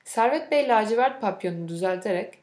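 A woman's voice: medium pitch, expressive, fast, darkish tone. Woman narrating a novel, echoey room. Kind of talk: scripted audiobook narration.

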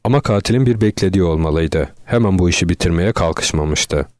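A man narrating an audiobook in a steady, measured voice. His pitch sits low and deep. The recording is close and completely dry, with no room around it. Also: no room sound. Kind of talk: audiobook reading.

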